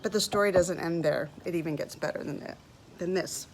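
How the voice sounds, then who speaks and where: A woman's voice: lowish voice, a little fast, noisy background. Emotional woman in her fifties telling a story. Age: 50s. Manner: animated, emotional storytelling with repeated words. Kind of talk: personal testimony vlog.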